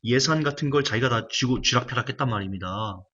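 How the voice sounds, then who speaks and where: Husky-voiced preacher, emphatic and repetitive. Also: male voice, mid-range voice, fast, fairly bright tone, highs cut off. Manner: emphatic preaching, repeats key phrases. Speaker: pastor. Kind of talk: sermon.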